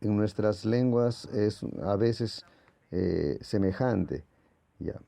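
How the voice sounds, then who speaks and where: Slow, low-voiced man teaching a lesson. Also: creaky, mellow, no echo. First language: Portuguese. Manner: patient, explanatory, demonstrates sounds aloud. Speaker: Greek language teacher. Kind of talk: classroom lecture.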